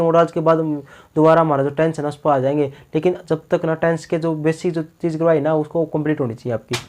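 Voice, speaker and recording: A male teacher giving a classroom grammar lecture, peppering it with rhetorical questions and repeated "okay ji" check-ins. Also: a little high.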